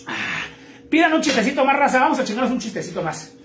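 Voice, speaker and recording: Brief: high-pitched Mexican man, crude slang, live-stream joke teller, echoey room with faint noise. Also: big pitch swings, fast, a bit bright. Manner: crude slang, chatty, greets viewers. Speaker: streamer telling jokes.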